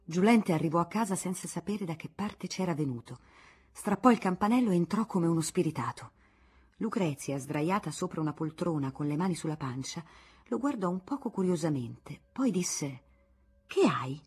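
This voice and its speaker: A woman reads a classic novel aloud for radio. Her voice is husky and a little low. Her intonation is animated and theatrical. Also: moderate pace. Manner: expressive, theatrical narration. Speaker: audiobook narrator. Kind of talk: literary audiobook reading.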